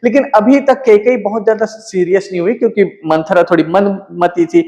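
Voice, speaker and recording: A male teacher giving a literature lecture, reciting verses slowly and then explaining them with frequent checking asides. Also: high-pitched, darkish tone.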